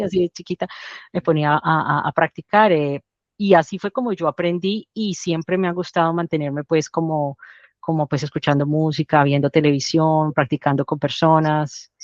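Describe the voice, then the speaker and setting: Lively Colombian woman telling a story. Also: low voice, dry recording, lo-fi sound. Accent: Colombian Spanish. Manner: lively storytelling with frequent restarts. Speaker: guest, general practitioner. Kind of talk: casual interview chat.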